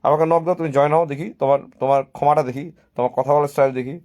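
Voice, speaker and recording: A man with a somewhat high voice rambles through his live stream. He talks in a mocking, sarcastic way and slips English phrases into his speech. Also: fairly even intonation, fast, darkish tone. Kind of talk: casual live-stream monologue.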